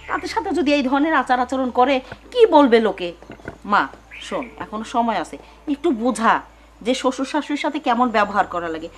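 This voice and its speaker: A woman's voice: high-pitched, fairly bright tone, slight background noise. A woman with a rural Pabna Bengali accent playing a lecturing, indignant mother-in-law. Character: scolding middle-aged mother-in-law.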